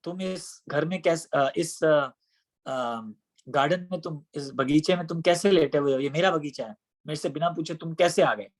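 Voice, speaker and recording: A man's voice: a little high, normal speed. A man voicing a proud king who is indignant about a stranger resting in his garden, in a told story. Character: proud male king, angry at an intruder.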